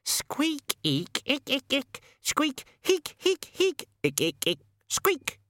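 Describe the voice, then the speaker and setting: A man voicing a tiny skeletal rat creature that speaks only in excited squeaks. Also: slow, dry recording, clean studio sound, heavily acted.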